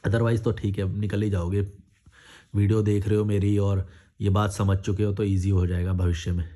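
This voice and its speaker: A man's voice: lowish voice, flat delivery, normal speed, dark tone. A man casually reading out and answering viewer comments, blunt and scolding, mixing English words into his talk. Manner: blunt, scolding, speaks his mind frankly.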